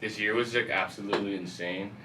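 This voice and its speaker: A man's voice: on the low side, fairly even intonation, fairly quick. A man who is a DJ talking about his year as a guest on a podcast, in a laid-back, casual way full of slang. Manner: laid-back, loose slang-filled talk. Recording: roomy, distant mic, faint noise.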